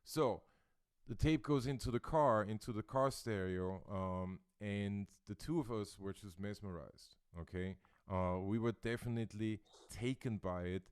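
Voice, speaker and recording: This is a casual interview chat in Brooklyn, New York, hosted by an Austrian man who is thoughtful and searches for his words. His lowish voice moves at an unhurried pace, captured in clean, studio-quality sound with no echo.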